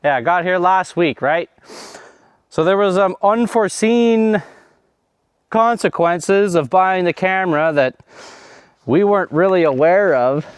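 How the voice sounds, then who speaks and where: Young guy vlogging in his snowy yard, out of breath, clear voice, chatty and rambly. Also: sits high, unhurried, long pauses, dry recording, studio quality. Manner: chatty, rambling with fillers and trailing asides. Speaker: homestead vlogger. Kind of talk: casual vlog talk to camera. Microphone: action camera.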